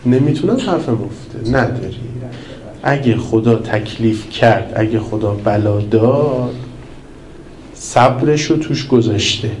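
A man's voice: medium pitch, lively intonation, a little mellow, slight background noise. A male preacher giving a conversational, humorous sermon with acted asides. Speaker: cleric preacher. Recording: echoey room with faint ambience.

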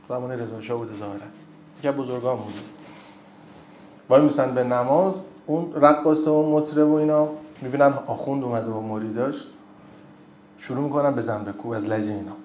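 A man's voice: mid-range voice, darkish tone, highs cut off, slight background noise. A man giving an informal religious lecture, telling stories with joking asides and reciting old narrations in between. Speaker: religious speaker. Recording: roomy echo.

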